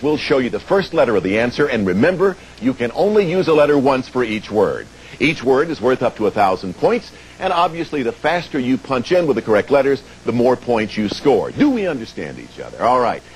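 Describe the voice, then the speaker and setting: A man's voice: mid-range voice, a little hiss or hum, low-quality recording. An American man hosting a TV game show, presenting to players and viewers and explaining things step by step. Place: TV studio.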